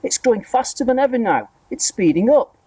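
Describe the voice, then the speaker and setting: A man voicing a bossy, snappish middle-aged aunt in a storybook, with yelled exclamations. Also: very high-pitched, big pitch swings, a little fast, husky, no room sound, recorded from a distance, voice pushed up, full character voice. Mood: excited.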